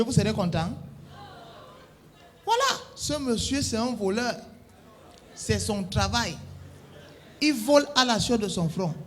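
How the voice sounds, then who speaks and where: A young man with a strikingly high voice performs a comic sketch as a bossy phone operator. He scolds and soothes imaginary callers by turns, in a mock-official tone. His tone is bright and cutting. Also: a little hiss or hum. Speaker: comedian. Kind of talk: comic one-sided phone-call sketch.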